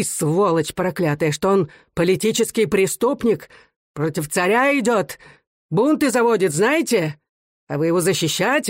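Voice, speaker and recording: A man reading aloud voices a shrill, bullying middle-aged police officer in a squealing, sneering voice. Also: a bit bright, slightly rough, dry recording, studio quality, heavily acted.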